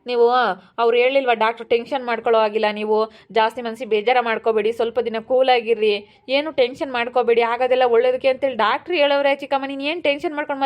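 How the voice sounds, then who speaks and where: A woman playing a fast-talking, caring niece. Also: a little high, lightly acted. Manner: rapid, soothing but firm. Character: caring young niece, calm and firm. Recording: dull lo-fi home recording.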